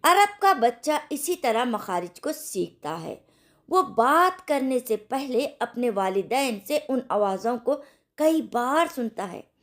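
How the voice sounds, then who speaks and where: A woman teaching tajweed in an online lesson, explaining patiently, checking in with her students and sounding out syllables slowly for practice. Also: on the high side, very animated, a bit bright. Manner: slow, patient teaching with repeated check-ins. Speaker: Quran recitation teacher.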